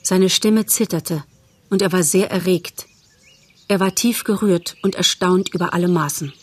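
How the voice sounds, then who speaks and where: A woman narrating a children's animal story in a calm, measured audiobook style. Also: fairly low pitch, slightly rough.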